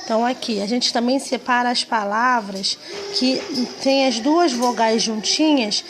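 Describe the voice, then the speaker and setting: A woman's voice: a little high, measured pace, background noise. A woman teaching a lesson to children, patiently stretching out words and syllables.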